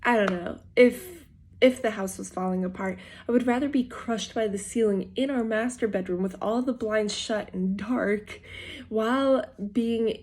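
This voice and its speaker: A woman's voice: a little high, unhurried, darkish tone. A young adult woman vlogging, telling a personal story in a casual, rambling way with many fillers and self-corrections.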